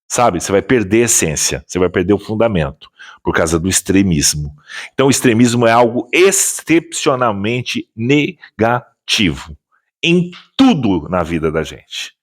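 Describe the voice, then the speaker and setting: A man with a Brazilian Portuguese accent, speaking as a spiritual teacher in casual commentary, asking pointed questions with frequent restarts. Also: on the low side. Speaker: spiritual teacher and channel host.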